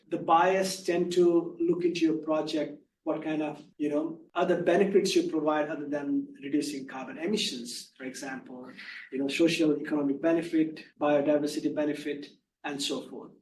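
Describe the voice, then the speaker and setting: A soft-spoken man giving a slide presentation, explaining his points in an unhurried way. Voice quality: soft-spoken, low volume. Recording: echoey room, far from mic, faint hum.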